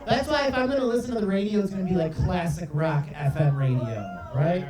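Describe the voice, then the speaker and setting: A man's voice: high voice, expressive, fairly quick, recorded from a distance. A man doing a stand-up comedy set, chatty and riffing with the crowd. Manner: chatty, riffs with the crowd, lots of "right?". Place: comedy club stage, live audience. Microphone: handheld mic heard from a far camera. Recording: roomy club sound from afar, crowd.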